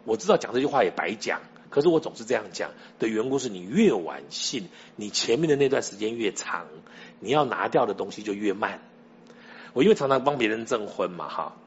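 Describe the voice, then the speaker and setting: A man's voice: lowish voice, animated, a little fast, highs cut off, slight background noise. A man preaching a sermon in a conversational way, telling stories and often asking the listeners directly whether they follow. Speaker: pastor.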